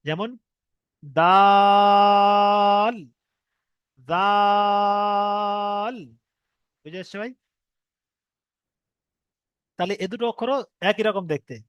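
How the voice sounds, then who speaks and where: In an online lesson on Arabic letters, a Bengali man who teaches Quran reading speaks at a moderate pace in a high, animated voice, pausing often. He patiently repeats every point, stretches out example sounds, and checks that students are following; the lo-fi recording has no room sound.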